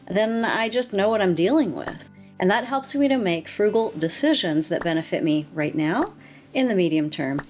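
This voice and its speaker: A woman in her sixties speaking to camera with a low, even voice. She talks in an earnest, gently encouraging way, like a channel host sharing personal habits. Soft music plays faintly behind her. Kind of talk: casual talk to camera.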